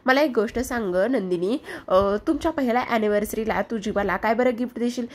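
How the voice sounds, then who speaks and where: A woman's voice: fairly high pitch, a little fast, lightly acted. A woman voicing an affectionate, teasing middle-aged mother-in-law in a retold serial.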